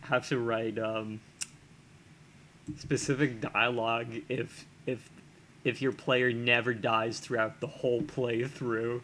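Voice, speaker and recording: A man's voice: mid-range voice, flat delivery, slow, fairly bright tone, a little hiss or hum. A man streaming while he sculpts, chatting casually and musing aloud, often chuckling and trailing off into fillers as he works, into a desk microphone.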